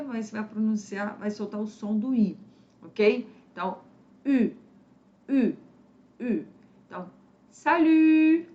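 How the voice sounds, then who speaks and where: Slow Brazilian woman teaching French sounds. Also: medium pitch, muffled recording. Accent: Brazilian Portuguese. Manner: slow, demonstrates sounds by repeating them. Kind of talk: casual language lesson.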